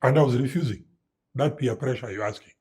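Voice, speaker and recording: A middle-aged man with a Kenyan English accent speaks fast in a husky, medium-pitched voice. As an interview guest, he tells a story animatedly, mimicking sounds and mixing in Swahili words.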